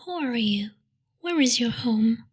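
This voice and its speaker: A man voicing a gentle, kind young woman in a children's storybook, speaking softly. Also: extremely high pitch, expressive, unhurried, background noise, voice pushed up. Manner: soft and gentle.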